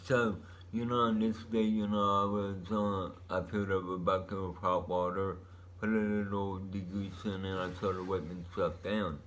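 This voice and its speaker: Man, low voice, casual solo vlogger; laid-back stoner-style delivery, meandering and unscripted. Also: level tone, normal speed, a bit bright, a little hiss or hum. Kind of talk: rambling casual monologue.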